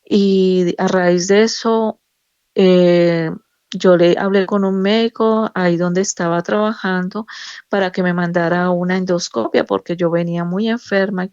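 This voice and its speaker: A middle-aged woman, a nurse, giving a personal religious testimony in a halting, emotional way with many restarts. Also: on the low side, steady tone, darkish tone, smooth, dry recording, highs cut off.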